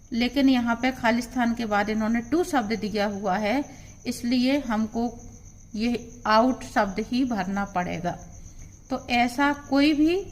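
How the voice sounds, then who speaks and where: Slow, high-voiced woman teaching grammar. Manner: explains rules step by step, reading example sentences aloud. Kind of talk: exam-prep grammar lesson.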